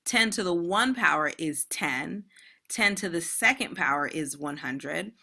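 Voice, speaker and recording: A woman's voice: lowish voice, expressive, measured pace, creaky, sharp tone. A woman math teacher giving an online lesson in a casual, chatty way, talking straight to her students.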